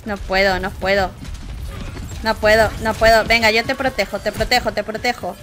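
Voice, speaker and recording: A young woman from Spain with a Spanish accent, giving excitable live gameplay commentary and often shrieking and laughing. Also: medium pitch, normal speed. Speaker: gaming YouTuber.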